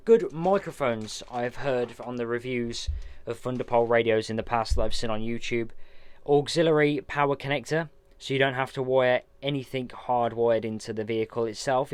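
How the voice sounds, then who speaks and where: A vlogger with a smooth, mid-range voice unboxes a radio in a casual, chatty, hands-on way, narrating each step as he goes.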